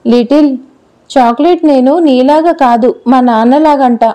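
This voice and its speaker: A woman's voice: high-pitched, normal speed, warm tone, natural voice. A woman voicing a chatty little girl. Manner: pouting, childlike chatter.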